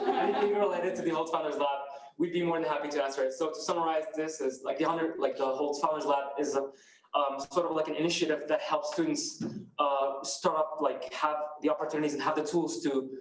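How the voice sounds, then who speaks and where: A man's voice: a little high, steady tone, fairly quick, slight background noise. Young man from Morocco, upbeat student. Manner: upbeat, fillers and restarts. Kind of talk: casual chat. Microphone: video call. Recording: echoey room.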